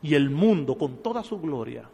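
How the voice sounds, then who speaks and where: High-voiced preacher giving a fiery sermon, booming hall echo. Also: male voice, sing-song, moderate pace, creaky, warm tone, breathy edge. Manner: impassioned, swells and drops in volume. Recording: long church hall reverb.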